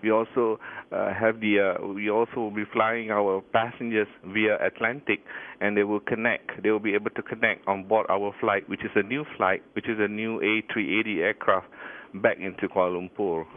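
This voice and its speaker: Lowish male guest on a tinny phone line. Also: level tone, normal speed. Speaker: airline representative guest. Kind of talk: radio phone interview.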